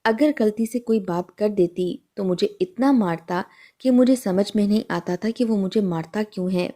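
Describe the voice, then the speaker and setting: A woman's voice: mid-range voice, mellow. A woman telling a sad first-person story in a somber, scripted narration.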